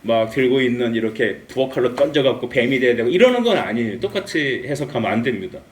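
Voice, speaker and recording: A male pastor preaching a Sunday sermon in a church, lively and humorous, acting out the characters' lines. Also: mid-range voice, quick pace. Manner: animated, acts out dialogue with humor. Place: church sanctuary. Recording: echoey room, mic at a distance.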